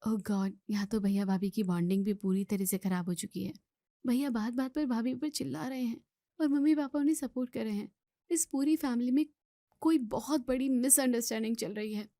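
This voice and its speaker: A woman's voice: on the high side, brisk, warm tone, no room sound, studio quality, lightly acted. A woman voicing Kirti, a caring young woman from the city, who talks earnestly and pleads in a cartoon story.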